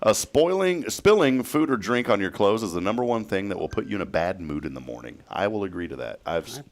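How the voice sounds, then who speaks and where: Deep-voiced man hosting a morning show. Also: very animated, fairly quick. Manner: jokey, reads news items and quizzes co-hosts. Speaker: host. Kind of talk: casual morning show chat. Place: small studio. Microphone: headset.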